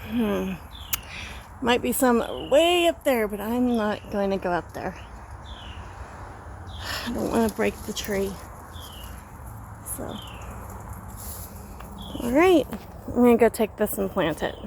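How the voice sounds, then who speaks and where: A woman breathing heavily as she gives a casual, unhurried gardening demonstration outdoors, talking while she works. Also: mid-range voice, lively intonation, creaky, a little mellow, slight background noise. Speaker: gardener filming a how-to vlog.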